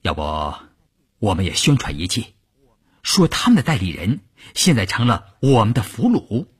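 A male storyteller voicing a blunt, hot-headed male faction commander who gets flustered and excitable. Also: moderate pace, husky, heavily acted. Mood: scheming. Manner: flustered, excitable, cries out high. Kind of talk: traditional storytelling.

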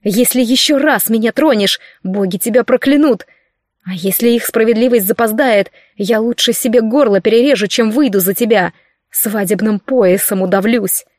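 A woman's voice: on the high side, moderate pace, darkish tone, no echo, lightly acted. A woman reading an audiobook, voicing a frightened, furious young bride with a strained, hissing delivery. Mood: desperate.

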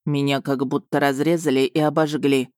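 A woman voicing a calm, curious ancient male dragon who speaks in a composed, detached way. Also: a bass voice, moderate pace, no echo, studio quality.

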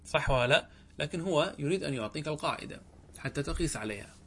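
A male grammar teacher giving a lesson in a classroom. He talks at an unhurried pace, stretches out each example word and says it more than once. He keeps asking his listeners short questions as he goes. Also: a little high, lively intonation, a bit bright, slight background noise. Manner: slow and deliberate, repeats and stretches out example words, asks the class questions. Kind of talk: classroom lesson explaining a text.

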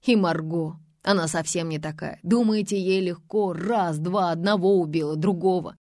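A woman's voice: lowish voice, normal speed, a little mellow, no echo, studio quality, natural voice. A woman reading aloud, voicing a frightened young man who pleads and defends himself. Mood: pleading.

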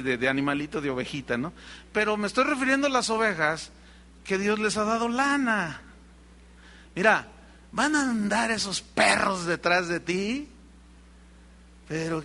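High-pitched and sharp-toned, a middle-aged Mexican-accented pastor gives a sermon built around a story. He dramatizes the characters' dialogue while talking directly to his congregation in Mexican Spanish-accented speech.

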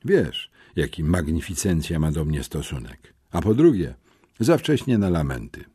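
A man voicing a confident teenage boy detective who calmly reasons things out in a storybook. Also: extremely low pitch, normal speed, slightly rough, full character voice. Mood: reasoning. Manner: calm, deductive, reassuring.

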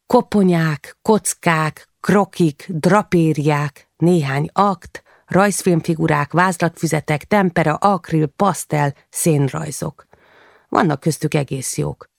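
A woman reading a first-person novel in a quiet, measured way, lifting her voice for the children. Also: deep voice, vocal fry, dry recording, studio quality. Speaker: audiobook narrator.

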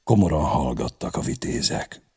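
A man's voice: rumbling low, expressive, a little mellow, husky. A man narrating a historical novel as an audiobook, in a dramatic storytelling manner.

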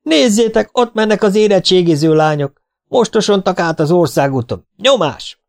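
A man doing an excited shouting athlete. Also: sits high, vocal fry, no echo, studio quality, voice pushed up. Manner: shouting, urgent.

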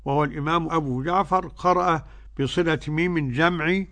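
An older man with an Egyptian Arabic accent teaching Quran readings, explaining the rules quickly and reciting verses slowly and drawn out. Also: on the high side, fairly bright tone.

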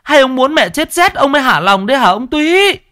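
A man voicing a desperate middle-aged village wife, crying out in shrill pleading scolds. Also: sing-song, brisk, a bit bright, dry recording, clean studio sound. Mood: wailing scold. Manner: shrill wailing cries, scolding.

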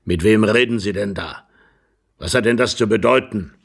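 Man doing a hoarse, grumbling gentleman. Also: fairly low pitch, moderate pace. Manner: curt, grumbling. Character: hoarse, curt, very tall gentleman.

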